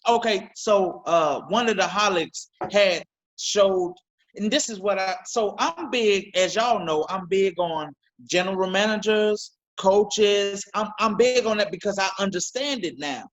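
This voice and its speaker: An excited man talking sports on a podcast over a video call. He pushes his points hard, stumbles over repeated words and speeds up as he gets going. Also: high-pitched, low-quality recording. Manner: emphatic, talks fast and repeats words when excited. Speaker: podcast co-host. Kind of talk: casual sports talk.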